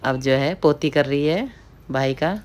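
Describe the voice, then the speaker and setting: A woman's voice: sits low, a little slow, darkish tone. A middle-aged woman from the hills, chattily narrating a family ritual in a casual voice-over and often addressing her viewers as friends. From Pahari hill region of India.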